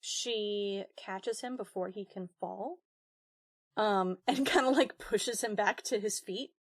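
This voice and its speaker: A woman's voice: medium pitch, takes it slowly. A woman player in a tabletop game, casually describing what her character does. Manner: casual, with fillers and laughs.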